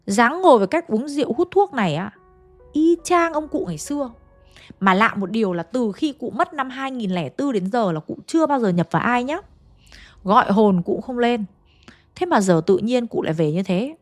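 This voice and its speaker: A woman narrates a ghost story as if chatting with friends, turning to her listeners as she goes. Her voice sits fairly high. Soft music plays faintly behind her. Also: expressive, moderate pace. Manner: chatty, addresses listeners directly. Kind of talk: conversational storytelling.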